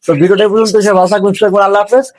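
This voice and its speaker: A man's voice: sits high, level tone, very fast, a little mellow, no echo, low-quality recording. A young man from Bangladesh talking casually to his viewers about the birds he keeps, friendly and explaining as he shows his cages. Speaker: bird-keeping vlogger. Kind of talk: casual vlog talk to viewers.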